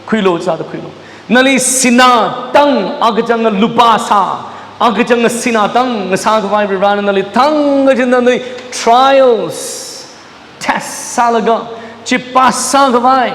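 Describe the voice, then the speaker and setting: A man's voice: high-pitched, a bit bright, slight background noise. A man preaching a sermon in a church, dropping English words into his talk. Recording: echoey church hall, mic at a distance.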